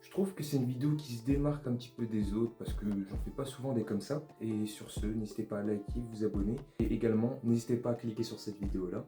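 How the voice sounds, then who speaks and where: Male vlogger reacting on the fly, mellow dark tone, faint music under it. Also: fairly low pitch, fairly even intonation, quick pace, hardly any pauses. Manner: amused, thinks aloud, reacts as he discovers. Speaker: art vlogger. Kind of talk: casual reaction commentary.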